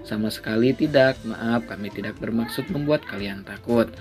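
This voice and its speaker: A man playing a courteous searcher in a storybook, calm and reassuring, with a middling pitch. He sounds in no hurry. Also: moderate pace, soft background music, lightly acted. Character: polite adult male searcher on a bus.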